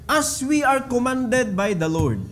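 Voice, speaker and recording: A Filipino pastor with a high voice delivers his sermon at an unhurried pace. He reads scripture with slow, deliberate emphasis and keeps turning to the congregation with questions, switching between Cebuano and English. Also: lively intonation, fairly bright tone.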